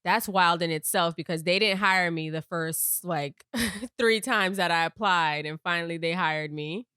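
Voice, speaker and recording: A woman's voice: fairly low pitch, a little slow, pushed and bright, clear, resonant tone, dry recording, studio quality. A young woman from Miami co-hosting a podcast, chatting casually and playfully with frequent laughter. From Miami, Florida. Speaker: podcast co-host. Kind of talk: casual chat.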